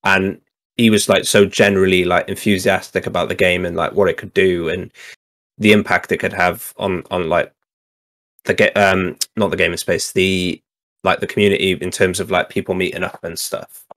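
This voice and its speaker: Casual podcast co-host, man, slightly low voice, loose rambling delivery. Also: flat delivery, normal speed, fairly bright tone. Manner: rambling, lots of fillers and laughs. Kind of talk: casual chat.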